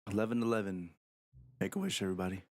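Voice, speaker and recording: A man's voice: sits low, fairly even intonation, rapid-fire, dry recording, studio quality. A man casually commentating a live game stream, rambling and thinking aloud as he talks to his viewers.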